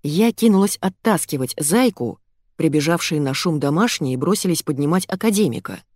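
Audiobook narrator, woman, low-pitched and animated, ironic comic delivery, dry close mic. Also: moderate pace, no echo. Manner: lively, ironic storytelling.

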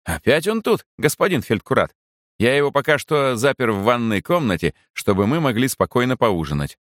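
A man's voice: medium pitch, very animated, moderate pace, no echo, studio quality, pitched above the performer's own voice, close to an everyday voice. A man voicing a good-natured, overly obedient soldier orderly who speaks with formal military politeness. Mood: dutiful.

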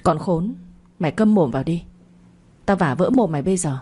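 A woman's voice: on the low side, expressive, brisk, mellow, slightly rough. A woman voicing a jealous, spoiled young daughter who talks in a whiny, spiteful way.

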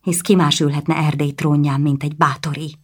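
A woman voicing a fiery fourteen-year-old noble girl, with indignant, fast outbursts, in a storybook reading. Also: low voice, level tone, breathy edge.

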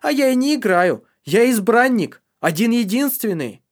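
A man reading an audiobook, voicing a drugged, megalomaniac boy who shouts in a shrill, boastful, frantic way. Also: normal speed, close to an everyday voice. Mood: manic, scornful.

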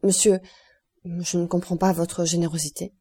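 A woman's voice: fairly low pitch, level tone, normal speed, warm tone, slightly rough. A woman voicing a humble, talkative male prison guide in an audiobook, speaking eagerly and deferentially. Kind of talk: audiobook character voice.

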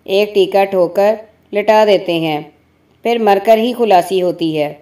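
A woman's voice: medium pitch, mellow, close to an everyday voice. A woman reading as a pleading injured laborer man. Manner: whining, pleading. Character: poor injured male laborer, pleading and fretful.

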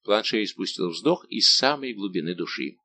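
A man narrating an audiobook in a measured, even way. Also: on the low side. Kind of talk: scripted narration.

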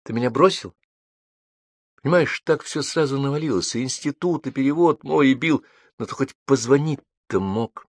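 A man's voice: medium pitch, moderate pace, no echo, clean studio sound, voice pushed up, natural voice. A man voicing an emotional young woman in an audiobook, pleading and agitated. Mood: hurt. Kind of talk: audiobook reading.

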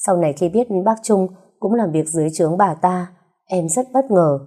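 A woman narrator voices a young wife, loving and near tears, speaking with emotion and pleading. Her voice is low and mellow, close to the storyteller's own. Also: normal speed, lightly acted. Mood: tender.

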